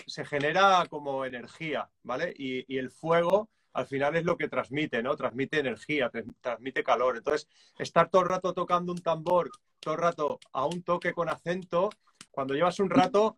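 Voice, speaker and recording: Guy calmly explaining drum beats on a video call, slightly high voice, counts them out loud. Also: normal speed. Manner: calm and reflective, hesitant restarts, counts beats aloud. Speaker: guest musician and drummer.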